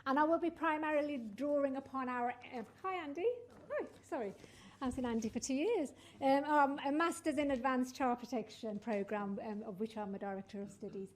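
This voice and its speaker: A woman's voice: sits high, a little fast. A woman giving an informal conference presentation in front of an audience, with a hesitant delivery punctuated by frequent ums. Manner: addressing an audience, checking they can hear. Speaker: director of studies giving a conference talk.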